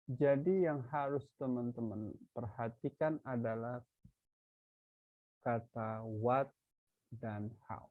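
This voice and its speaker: A man teaching English grammar in a slow, deliberate lecture, often checking in with "ya" and "oke" and posing questions that he then answers himself. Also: medium pitch, no echo, narrow, tinny audio. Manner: poses questions to the viewer, then answers them.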